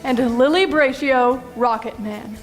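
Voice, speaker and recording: A woman emceeing a speech competition showcase, reading introductions in a formal, measured way. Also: high voice, soft background music. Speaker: event emcee. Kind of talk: scripted introductions.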